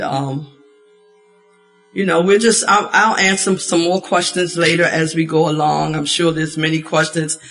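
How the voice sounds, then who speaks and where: A woman from Baltimore leading a church gathering, talking in a relaxed, rambling way with many fillers. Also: sits low, vocal fry. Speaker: ministry leader.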